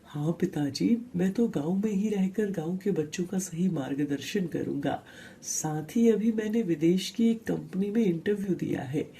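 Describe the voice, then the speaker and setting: An earnest, urgent young villager with a very dark, mellow voice, played by a woman. Faint noise hums behind him. He speaks with conviction and insistence. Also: lowish voice, moderate pace, creaky. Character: educated young village son, earnest reformer.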